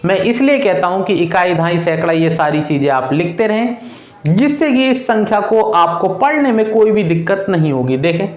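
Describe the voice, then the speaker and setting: A man's voice: sits high, big pitch swings, moderate pace, reverberant. A male teacher who explains a math lesson to children patiently, repeating each step and calling the students "beta".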